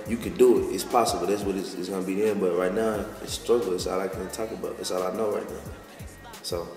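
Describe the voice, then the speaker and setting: A young man in his twenties from Texas, a musician answering interview questions in a halting, slangy way with many restarts. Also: fairly low pitch. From Texas, USA. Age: 20s. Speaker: guest musician. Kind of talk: casual interview talk. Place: lounge with large windows, indoors. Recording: echoey room, far from the mic, music behind.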